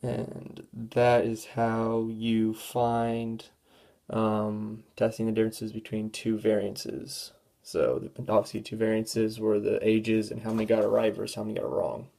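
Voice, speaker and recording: A teenage student walks through a statistics problem on a calculator, hesitating with many fillers and clearing a voice that is going hoarse. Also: mid-range voice, completely flat delivery, dark tone. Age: teens. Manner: halting, filler-heavy, thinking aloud. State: losing voice, throat clearing. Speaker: student presenter. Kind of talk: classroom walkthrough of a calculator test.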